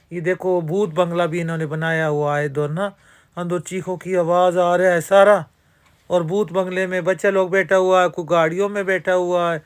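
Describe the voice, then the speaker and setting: A woman's voice: lowish voice, level tone, long pauses, clear, resonant tone. A woman vlogger talks casually into a handheld phone at an outdoor amusement park. She chats straight to her viewers and keeps dropping religious phrases into her talk. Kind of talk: casual vlog narration.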